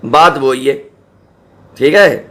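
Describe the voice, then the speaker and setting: Bright-voiced man teaching Quran reading. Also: medium pitch, lively intonation. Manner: patient, repeats syllables slowly and drawn out; checks in with "samjhe?" and "theek hai". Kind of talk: spelling-out recitation lesson.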